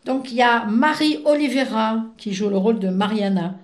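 A woman's voice: a little high, animated, moderate pace, echoey room, over a noisy crowd. A woman presenting films on the radio in a playful, chatty, teasing way. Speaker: radio film columnist. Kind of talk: casual radio chat.

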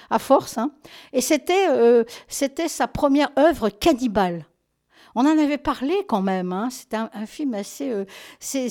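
A woman with a somewhat high voice hosts a relaxed chat. She talks in a friendly, familiar way, with plenty of fillers, restarts and quick corrections. She addresses her listeners warmly as she goes. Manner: chatty, full of fillers and self-corrections; affectionate toward listeners. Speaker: host presenting film releases. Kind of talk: casual radio-style chat.

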